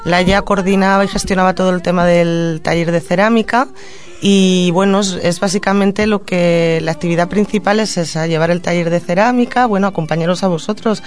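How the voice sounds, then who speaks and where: A social educator and puppeteer from Madrid, Spain, appears as a guest in a radio studio and answers questions in an earnest, reflective way. Her voice is lowish with fairly even intonation, and she pauses to gather her thoughts.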